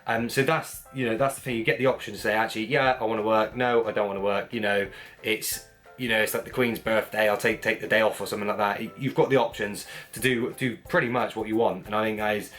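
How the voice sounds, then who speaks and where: A man with a Wiltshire accent and a fairly low voice chats to his vlog audience. His delivery is informal and blokey, wandering from point to point. Some music sits behind the talk. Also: fairly even intonation, fast talker, fairly bright tone. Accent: Wiltshire English. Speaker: vlogger, gym owner. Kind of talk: casual chat to viewers.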